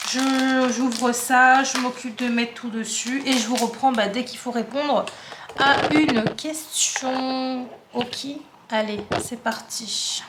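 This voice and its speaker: A French craft vlogger in her twenties, from the Paris suburbs, chats and rambles at home while sorting her craft supplies, often cutting herself off. Her voice sits high with a steady tone, and she takes her time. The room sounds spacious and the recording is very noisy.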